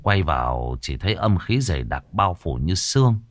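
A man narrating a Vietnamese ghost story with a lively, dramatic delivery. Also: low-pitched, moderate pace, a little hiss or hum.

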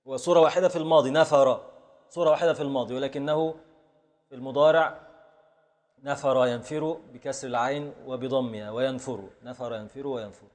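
A man teaching classical Arabic grammar in a classroom lecture, explaining slowly, repeating word forms and answering students' questions. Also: mid-range voice, steady tone, darkish tone.

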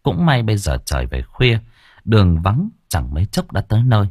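A man narrating a first-person audiobook, husky and calm. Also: lowish voice, normal speed, no room sound, clean studio sound.

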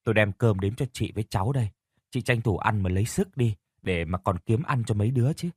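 A man voicing a brusque village mother who speaks briskly and scoldingly, recorded dry. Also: lowish voice, expressive, husky, no room sound.

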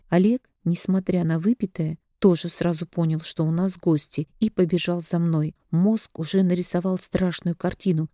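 A woman narrating a dramatic first-person story, her delivery reaching high for shouted lines. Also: no echo, clean studio sound. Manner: dramatic reading, voices rise for shouted quotes.

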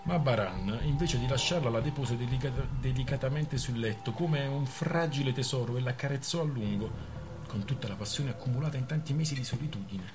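A man reading a novel aloud on the radio in a measured, dramatic way. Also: medium pitch. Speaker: radio reader. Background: music.

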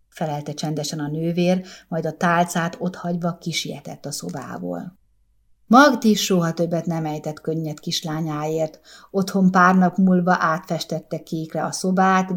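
A woman narrating a short story as an audiobook, in a calm, measured, gentle way. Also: fairly low pitch.

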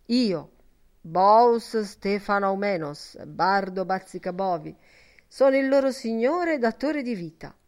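A woman's voice: mid-range voice, expressive, takes it slowly, a little mellow. A woman reading the part of a proud young male poet in an audiobook, speaking in a grandiose, declamatory way. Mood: lofty.

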